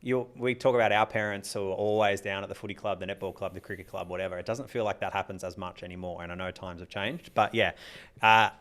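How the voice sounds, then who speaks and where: A man chatting on a podcast in a fairly low voice. He rambles, restarts his sentences and laughs along the way. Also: steady tone, fast, fairly bright tone. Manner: rambling, self-interrupting, often laughing. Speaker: podcast co-host and club organiser. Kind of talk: casual podcast chat.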